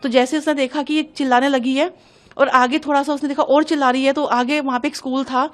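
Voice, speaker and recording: A woman's voice: sits high, flat delivery. A young woman giving an urgent, agitated account of an incident to a news reporter. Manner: urgent, agitated, hurried retelling. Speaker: interviewee recounting an incident. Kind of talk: emotional news testimony.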